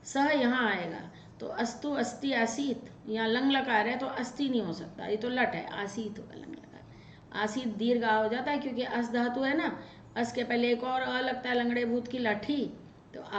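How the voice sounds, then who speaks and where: A woman teacher runs a brisk, drilling grammar lesson, rattling off verb forms. Her voice sits fairly high. It sounds roomy and a little dull and lo-fi. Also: fairly even intonation, a little hiss or hum. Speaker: Sanskrit teacher.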